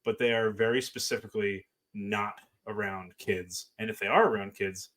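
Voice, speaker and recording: A man's voice: on the low side, moderate pace, a bit bright. A man hosting a podcast, chatting casually with his wife and teasing her with dry jokes. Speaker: podcast host, woodworker. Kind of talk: casual chat.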